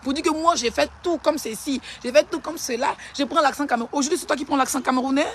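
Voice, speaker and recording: An Ivorian social media personality ranting and hurling insults in a live-stream clash, in a taunting, rapid-fire manner. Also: high voice, slight background noise.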